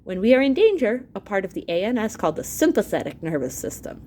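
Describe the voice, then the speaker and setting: Like a teacher addressing her students, a woman reads aloud from an illustrated science book, pausing to clarify terms as she goes. Her mid-pitched voice rises and falls in a lively, expressive, explanatory way. A little background noise can be heard.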